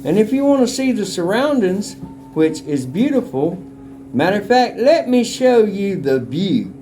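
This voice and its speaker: Defiant man vlogging with lively pitch. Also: unhurried, faint music behind. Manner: defiant, rambling, talks with a cigar in his mouth. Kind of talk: casual walking vlog tour. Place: outdoors at a rural family home. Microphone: handheld camera.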